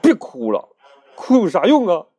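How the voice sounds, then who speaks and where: A performer voicing a battered, blustering older male martial arts master who talks slowly and groans in self-pity. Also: medium pitch, wildly swooping pitch, dark tone. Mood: rueful. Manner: slow, groaning, self-pitying boasts.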